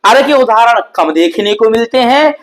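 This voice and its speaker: A man teaching an exam-prep grammar lesson at a board, explaining patiently and repetitively, sounding out example words slowly and often checking in with his students. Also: very high voice, animated, fairly bright tone, low-quality recording. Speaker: Sanskrit teacher.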